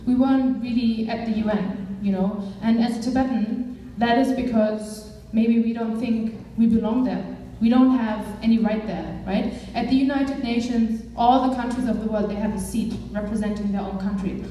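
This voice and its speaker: A young woman gives an earnest, conversational speech in a mellow, warm voice, pitched a little high. She is heard from well back in a large room with strong echo. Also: steady tone, normal speed, few pauses, a little hiss or hum. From Germany. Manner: earnest and conversational, with many fillers. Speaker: campaigns director. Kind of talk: speech to a live audience. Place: large echoey hall. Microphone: far from the mic. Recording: echoey hall, voice from far off.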